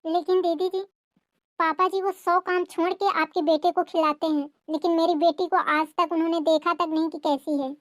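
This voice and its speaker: A woman's voice: very high-pitched, little pitch movement, normal speed, dry recording, studio quality. Woman voicing a weary pleading young daughter-in-law. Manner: pleading, explaining. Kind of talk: cartoon family drama voicing.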